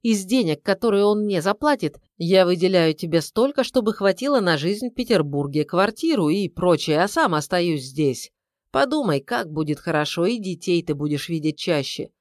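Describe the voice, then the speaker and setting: A woman's voice: lowish voice, lively intonation, normal speed, dry recording, clean studio sound, close to an everyday voice. A woman voicing a sarcastic, irritable middle-aged husband who grumbles. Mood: weary firm.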